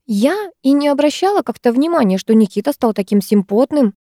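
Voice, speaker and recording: A woman's voice: high voice, animated, a little fast, mellow, no room sound, voice pushed up. A woman voicing a chatty, gossipy teenage girl in an audiobook, raised a little above her narrating voice, in a dry, close recording. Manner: chatty, gushing.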